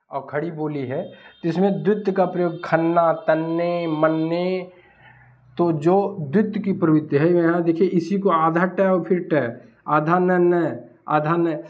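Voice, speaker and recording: A man teaching a Hindi class at a board, who asks questions and then answers them himself. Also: a little high. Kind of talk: blackboard lecture. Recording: dull lo-fi recording.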